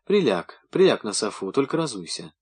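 A caring young woman fusses and coaxes in a soft, gentle voice, as a male audiobook reader puts her on. Her lines are read quietly within a storybook narration. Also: lowish voice, big pitch swings, moderate pace, breathy edge, exaggerated voice. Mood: coaxing.

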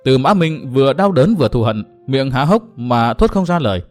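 A man's voice: mid-range voice, very animated, normal speed, faint music behind. Male narrator reading a martial-arts novel. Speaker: story narrator.

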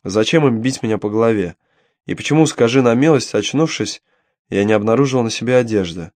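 A man's voice: mid-range voice, animated, fairly quick, darkish tone, no room sound, lightly acted. A man voicing a furious, vengeful young demoness noblewoman who speaks with spite and menace. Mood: angry, gloating.

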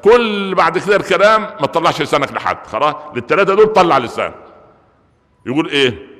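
This Friday sermon comes from a man with a slightly high, fairly bright voice and an Egyptian Arabic accent. He talks fast with lively intonation, joking and throwing out rhetorical questions, while a large hall adds long reverb.

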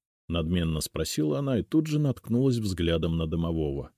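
A man's voice: sits low, brisk, dry recording, clean studio sound. A man narrating an audiobook in the first person. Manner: expressive, first-person storytelling. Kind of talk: scripted narration.

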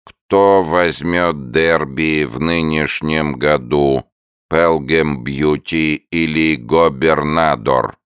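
A man voicing a slow, polite talking salamander with a creaky voice, drawing out its words. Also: rumbling low, fairly bright tone, dry recording, studio quality, full character voice. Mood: monotone. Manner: slow, drawn-out, syllable-by-syllable speech.

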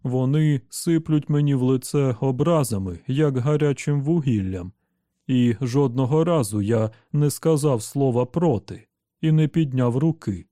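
A man's voice: mid-range voice, unhurried, dark tone, no room sound, clean studio sound, natural voice. A man doing a smug, prim robot servant. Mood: aggrieved. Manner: self-satisfied, prim, falsely caring.

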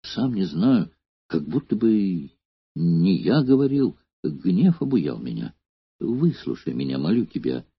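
A man's voice: deep voice, very animated, slow, creaky, breathy edge, no room sound, exaggerated voice. A man voicing a huge, hot-tempered Germanic warrior who begs his beloved's forgiveness, in an audiobook reading. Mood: imploring. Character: remorseful giant Germanic warrior, hot-tempered but loving. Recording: dull lo-fi dry recording.

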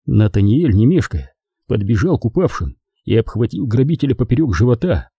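A man reads an audiobook with an expressive, dramatic delivery and a lively pitch. His voice is dark and husky, and the recording is close and dry. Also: a little fast, dry recording. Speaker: audiobook narrator. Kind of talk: audiobook narration.

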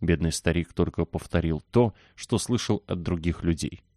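A man narrating a children's novel as an audiobook, reading in a steady, expressive way. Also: sits low, normal speed, dry recording, clean studio sound. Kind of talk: scripted narration.

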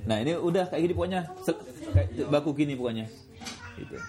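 A man teaching Quran recitation rules in a casual classroom way, often slowing down to demonstrate sounds in a drawn-out voice. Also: on the high side, over music. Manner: relaxed, repeats filler words often.

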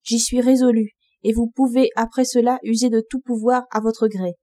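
A woman gives voice to a young king in a fairy tale, proud and stubborn, refusing with indignant defiance. The voice sits fairly high and mellow, very dry and close. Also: steady tone, moderate pace, no echo, lightly acted. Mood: defiant.

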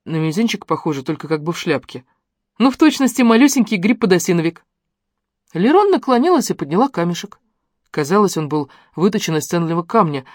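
Female audiobook narrator, lowish voice, very animated intonation, dry close studio sound. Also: no echo. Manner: expressive storytelling with lively intonation. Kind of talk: scripted narration.

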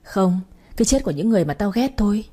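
A woman's voice: medium pitch, expressive, quick pace, warm tone, slightly rough. Woman voicing a cruel sneering villainess. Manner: sneering, hissing threats.

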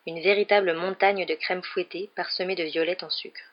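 A woman reading a storybook aloud in an even, measured narration. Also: lowish voice. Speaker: audiobook reader. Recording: dull lo-fi recording.

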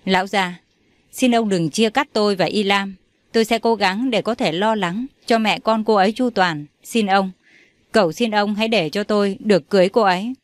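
A woman's voice: medium pitch, moderate pace, no echo, lightly acted. A woman voicing a desperate young man who begs for his beloved in an audio story, earnest and pleading.

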